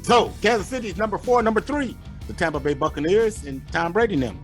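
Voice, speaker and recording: A man co-hosting a sports talk show, animated and repetitive as he runs through picks. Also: sits high, fast talker, soft background music. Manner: animated hype, repeating words and phrases.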